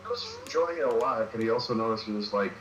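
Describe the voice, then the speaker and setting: A man's voice: mid-range voice, animated, fast talker, a bit bright, reverberant, highs cut off, slight background noise. A young man joking around as a co-host, goofy and hesitant, full of "uh"s. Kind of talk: casual gaming chat.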